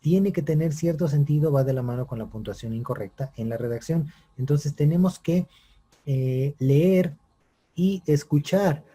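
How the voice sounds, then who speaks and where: A male teacher leads an online lesson. His voice is very dark and somewhat husky, and he checks in often with his students. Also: a little high, unhurried. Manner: explanatory, checks in with "¿no?" and "¿sale?". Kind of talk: online class lecture.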